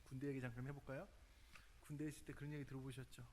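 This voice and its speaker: A middle-aged male pastor from Korea's Chungcheong region with a slight drawl, preaching a youth service sermon in a lively, conversational way and questioning the congregation. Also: mid-range voice, very fast, slight background noise. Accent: Chungcheong Korean, drawn-out speech.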